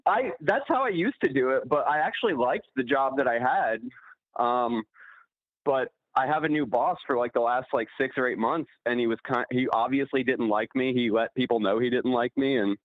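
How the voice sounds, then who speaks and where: A man's voice: medium pitch, normal speed, no echo. A man calling in to a radio show, talking in a laid-back, hesitant way with lots of fillers. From Pittsburgh area. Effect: phone line. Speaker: caller. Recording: tinny dry phone line.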